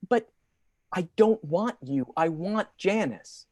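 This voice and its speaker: A woman plays a bumbling, henpecked husband with a lowish voice that leaps up and down as he gets overwrought. The recording is dry and close. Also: animated, slow pace, darkish tone, no room sound. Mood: exasperated. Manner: exasperated, stammering, overwrought. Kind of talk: improvised comedy scene.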